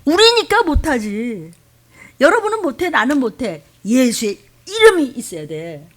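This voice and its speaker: A woman pastor preaching a sermon. She leads the congregation in call-and-response, acts out quoted voices, and swings between loud exclamations and hushed whispers. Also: high voice, big pitch swings, a little slow.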